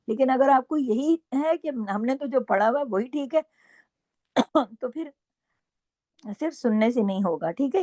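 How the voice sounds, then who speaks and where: A woman teaching Quran recitation rules, alternating slow drawn-out recited examples with brisk explanations and frequent "okay?" checks. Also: a little high, no room sound. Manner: repeats checks like "okay?" and scolds gently. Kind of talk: tajweed lesson with recited examples.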